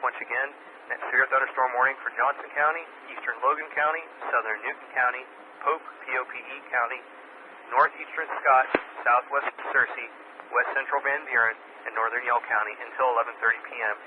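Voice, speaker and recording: Man, net control operator, steady bulletin reading, tinny radio sound, static hiss. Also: medium pitch, fairly quick. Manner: steady reading, spells out county names, some fillers. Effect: heard over a two-way radio with static.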